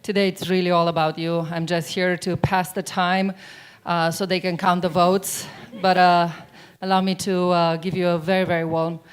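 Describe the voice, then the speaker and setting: A middle-aged Romanian keynote speaker addresses a large conference hall from the stage mic in a fairly low, clean voice, her delivery flat and her pace moderate. She's chatty and regularly asks the audience questions.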